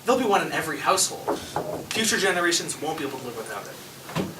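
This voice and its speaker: An actor playing a genial, casually confident investor, speaking in an informal, emphatic way in scripted film dialogue. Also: male voice, on the high side, sing-song, fast talker. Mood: enthusiastic. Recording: echoey room, distant mic, noisy clicks.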